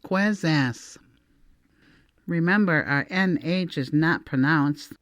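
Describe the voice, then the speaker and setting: A woman teaching a recorded language lesson, saying each word slowly and repeating it for learners to copy. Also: sits low, dry recording.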